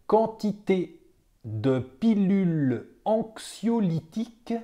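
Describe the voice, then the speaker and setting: A teacher giving a dictation at an extremely slow pace, with every phrase said several times over and the punctuation marks spoken aloud. The voice is dark and mellow, with a middle pitch. The delivery stays measured and deliberate throughout. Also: very animated.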